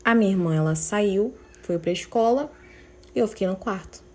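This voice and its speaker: A woman's voice: mid-range voice, normal speed, darkish tone. Young woman podcasting, open and emotional, talks straight from the heart. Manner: emotional, candid, tearful at times. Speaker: podcast host. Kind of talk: personal confessional podcast.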